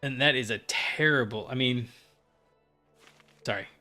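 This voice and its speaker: A man's voice: medium pitch, measured pace, pushed and bright, faint music behind. Male let's-play host, rambling storyteller, casual gameplay chat.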